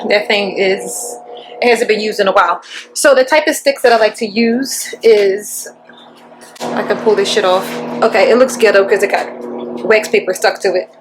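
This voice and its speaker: A woman's voice: medium pitch, background noise. Chatty young woman with casual swearing. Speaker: beauty vlogger. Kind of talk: casual at-home tutorial chat. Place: dim home kitchen.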